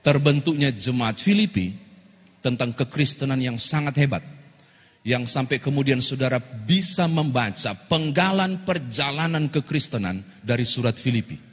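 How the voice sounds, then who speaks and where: A male pastor, giving a lively sermon and joking with the congregation. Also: mid-range voice, moderate pace, breathy edge. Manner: lively storytelling, jokes with congregation. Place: church hall. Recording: long church-hall reverb.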